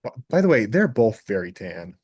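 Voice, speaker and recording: A man's voice: on the low side, sing-song, moderate pace, darkish tone, husky, dry recording. Brief: male co-host, playful catty recap chat, very dry close mic. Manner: playful, catty, quotes characters in funny voices. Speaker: podcast co-host. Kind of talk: casual episode recap chat.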